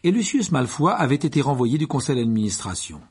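Husky, lively male narrator. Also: fairly quick. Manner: expressive, shifts pitch widely for dramatic moments. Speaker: audiobook reader. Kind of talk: scripted narration.

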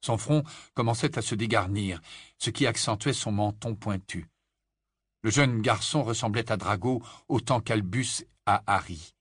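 A man narrating an audiobook in an even storytelling manner. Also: on the low side, unhurried, breathy edge, no room sound, clean studio sound.

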